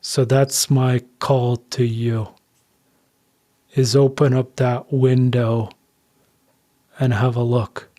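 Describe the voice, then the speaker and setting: Earnest man with a mellow voice. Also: mid-range voice, level tone, slow pace, pauses often. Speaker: podcast co-host. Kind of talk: reflective podcast talk.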